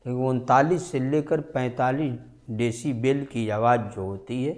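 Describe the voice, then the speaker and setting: A man teaching a science class, repeating each key number and phrase slowly and carefully. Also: medium pitch, steady tone, darkish tone. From India. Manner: slow, repetitive, stresses key numbers.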